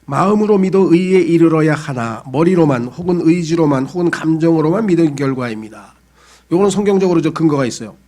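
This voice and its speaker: A man's voice: on the high side, animated, fast, mellow. A pastor preaching a sermon in a conversational way, acting out the voices of the people he talks about. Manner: conversational preaching, acts out quoted voices of believers.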